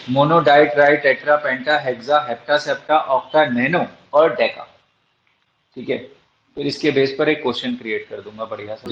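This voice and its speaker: A man's voice: mid-range voice, fairly bright tone, a little hiss or hum. A male teacher giving a classroom lecture. He asks the class questions and answers them himself, and spells terms out letter by letter. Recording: echoey room, dull lo-fi sound.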